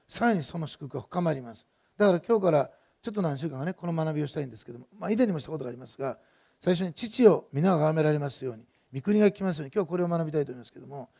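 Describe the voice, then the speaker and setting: A middle-aged male pastor preaches a sermon in a conversational, digressive way, full of fillers and personal stories. His voice is a little high, creaky, and warm.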